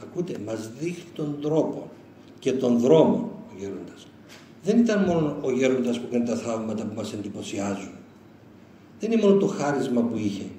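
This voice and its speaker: Older monk talking in a roomy hall. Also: male voice, medium pitch. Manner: conversational, animated storytelling with chuckles. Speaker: monastic elder giving a talk. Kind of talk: informal spiritual talk. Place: lecture hall. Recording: roomy hall sound with faint noise.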